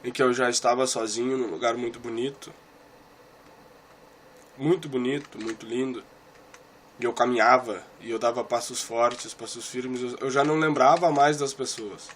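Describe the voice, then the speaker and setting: A man tells a listener about a vision in a heartfelt religious testimony. His voice sits at an ordinary middle pitch, and he circles back over his own phrases as he speaks. A faint background hiss runs under the recording. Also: steady tone, moderate pace. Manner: earnest and emotional, with repeated phrases; talks straight to one listener.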